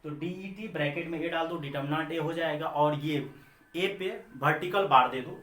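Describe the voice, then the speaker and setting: An Indian man teaches maths in a classroom lecture, repeating his points and answering his own questions. His voice sits a little high. The recording is roomy and echoey, with the mic set some way off. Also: moderate pace, fairly bright tone. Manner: addresses students as children. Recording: echoey room, mic far off.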